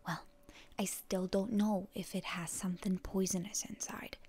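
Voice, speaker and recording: In a whispered ASMR roleplay, a woman voices a hero girl who is proud, prickly, and wounded, meeting her enemy with suspicion and defiance. Her voice is hushed and breathy, medium in pitch, with a steady tone and a normal speed.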